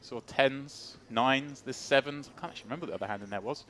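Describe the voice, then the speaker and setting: A man's voice: medium pitch, fast talker, a bit bright, a little hiss or hum. A man doing live poker tournament commentary, narrating the action in short dramatic phrases over music.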